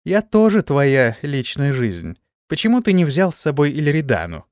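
A man's voice: a little high, wildly swooping pitch, moderate pace, a little mellow, no room sound, clean studio sound. A man reading the part of a jealous, haughty teenage-girl neural-network spirit who sounds sulky.

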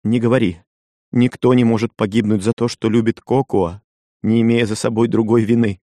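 A man's voice: on the low side, flat delivery, moderate pace, warm tone, dry recording, clean studio sound, pitched above the performer's own voice, natural voice. A man voicing a loving, resolute young island woman who speaks earnestly and pleads with feeling. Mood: fervent.

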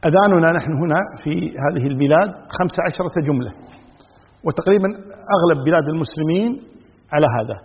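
A male scholar teaching a religious text in a measured lesson style, repeating key phrases and reciting formulas. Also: on the high side, slight background noise. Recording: dull lo-fi audio with long reverb.

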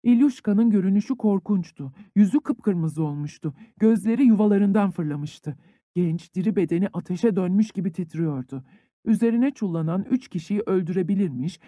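Calm male audiobook narrator, mellow tone. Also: high-pitched, no room sound. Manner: calm, even storytelling.

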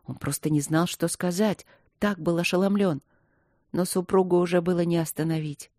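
A woman reading scripted audiobook narration in a measured, even way. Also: on the low side, no room sound, studio quality.

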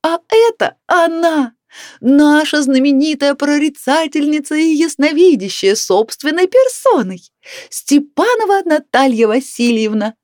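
A woman reading aloud, voicing a loud, brash, overbearing woman of about sixty who shrieks her lines. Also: sits high, very animated, measured pace, dry recording, clean studio sound, pitched above the performer's own voice. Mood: shrieking. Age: 60s.

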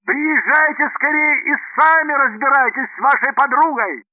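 A man voicing a panicking businessman who shouts desperately and snaps rudely. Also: sits high, expressive, measured pace, dry recording, pitched above the performer's own voice, exaggerated voice, rough recording. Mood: frantic, shouting. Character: panicking middle-aged male businessman, rude and frantic.

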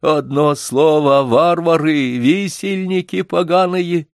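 A man's voice: fairly high pitch, takes it slowly, no echo, studio quality, voice pushed up. A man reading an audiobook voices an old village woman who mumbles and laments bitterly. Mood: lamenting.

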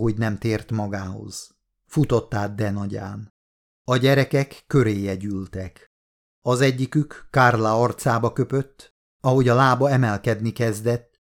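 A man reading a horror novel aloud as an audiobook narrator, steady and measured. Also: medium pitch, gravelly.

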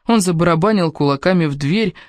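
Male audiobook narrator, fairly high voice, steady, even delivery, dry close recording. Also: quick pace, dry recording. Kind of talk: scripted narration of a romance novel.

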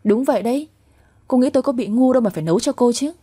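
Woman doing a shrill, spiteful young wife. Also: expressive, rapid-fire, warm tone, slightly rough. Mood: mocking. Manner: shrill, wailing complaints.

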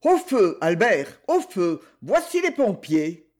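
A man voicing a boisterous, prank-loving middle-aged mayor who calls out loudly. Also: sits high, big pitch swings, unhurried, breathy edge, full character voice. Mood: shouting. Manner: loud, jovial exclamations.

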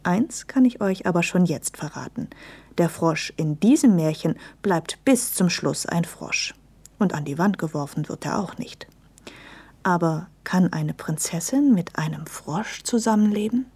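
A woman presenter introducing a children's fairy tale, half-whispered and breathy, talking to children. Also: on the low side, animated, a little slow, warm tone.

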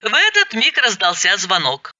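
Lively bright woman reading a story. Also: medium pitch, normal speed, dry recording, dull audio. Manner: expressive, acts out dialogue. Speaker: narrator. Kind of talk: first-person storytelling reading.

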